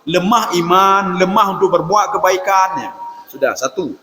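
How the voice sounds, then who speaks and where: A man giving a religious lecture, often addressing listeners as "Pak" and reciting Arabic prayers slowly, with an Acehnese-tinged Indonesian accent. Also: sits high, expressive, sharp tone, slight background noise. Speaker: preacher. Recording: echoey hall, reverberant.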